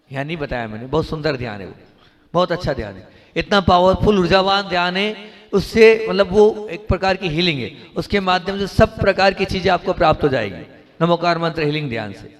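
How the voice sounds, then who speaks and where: A man's voice: fairly high pitch, animated, long reverb tail. A man, a Jain monk, giving a devotional sermon and pronunciation lesson to an audience, asking them questions as he teaches. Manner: instructive, repeatedly asks the audience questions; drawn-out sung chanting of mantra syllables.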